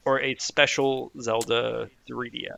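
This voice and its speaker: Bright, gravelly man joking on a podcast. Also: slow pace. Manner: playful and jokey, with lively swings in pitch. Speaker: podcast co-host. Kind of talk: casual podcast chat.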